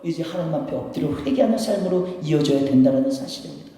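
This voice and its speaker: High-voiced pastor preaching in an echoey hall. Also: male voice, animated, quick pace. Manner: preaching with big swings between shouts and hushed asides. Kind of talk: sermon. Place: church sanctuary. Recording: very echoey hall with long reverb.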